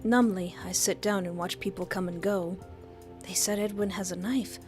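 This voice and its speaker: A woman's voice: mid-range voice, fairly even intonation, moderate pace, a little mellow, faint music behind, natural voice. A woman reading a visual novel as an anxious, shaken young student narrator, with a hesitant and worried manner. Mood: anxious, dazed.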